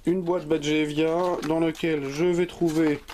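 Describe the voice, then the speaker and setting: A man's voice: a little high, normal speed, slight background noise. A man hosting a hardware video channel, chatting jokily and casually as he unboxes a product live. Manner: jokey, lively, chatty. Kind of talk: unscripted unboxing commentary.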